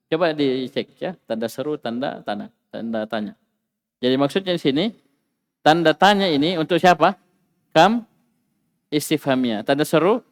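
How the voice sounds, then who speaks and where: A man with a fairly high voice teaches an Arabic lesson. He quizzes his students and drills key words again and again. His voice rings with a long reverb. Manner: questioning, repeats key words, rising emphasis. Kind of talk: online class teaching.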